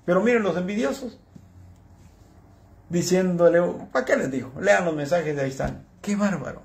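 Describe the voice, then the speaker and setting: A man's voice: high-pitched, moderate pace. A man talking casually to camera as a channel host, telling stories animatedly and acting out what other people said. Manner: animated storyteller who acts out other people's lines.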